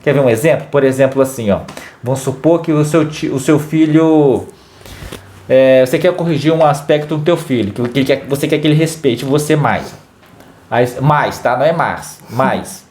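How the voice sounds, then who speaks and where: Co-hosting a family advice program, a man talks casually to his viewers in a medium-pitched, slightly mellow voice at a moderate pace. He takes a patient approach to explaining and leans on repeated key words to drive points home.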